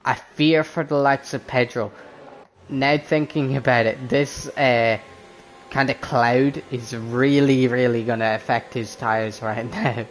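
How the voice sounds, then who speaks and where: A man doing live motorsport race commentary as a commentator, excitable when the action picks up. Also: mid-range voice, slow.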